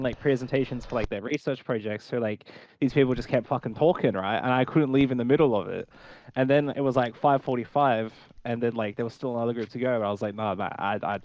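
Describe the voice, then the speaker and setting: A young male student rambles through a casual story and leans on fillers and offhand swearing. His voice is mid-pitched and sounds dry and close. The call audio is dull and lo-fi. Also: darkish tone, no echo. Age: young adult. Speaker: co-host, player.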